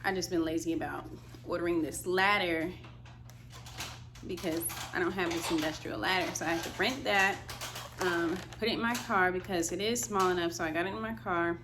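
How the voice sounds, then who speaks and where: A woman chatting informally and excitably in a casual home DIY vlog. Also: lowish voice, normal speed. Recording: noisy handheld home recording.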